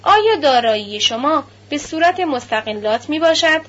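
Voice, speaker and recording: A woman's voice: high voice, animated, fairly bright tone. A woman reading as a formal male notary. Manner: measured, formal questioning. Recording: slightly muffled lo-fi recording.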